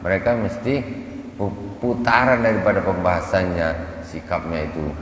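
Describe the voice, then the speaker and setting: A man preaching a sermon in a mosque, animated and repetitive, his voice jumping up sharply when he scolds. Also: low-pitched, moderate pace. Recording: echoey mosque hall, faint noise.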